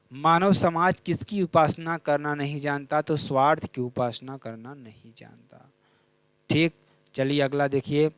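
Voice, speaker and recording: A man's voice: a little high, clean tone, no room sound. A young man teaching a Hindi exam revision lesson, repeating each question and checking in with his students.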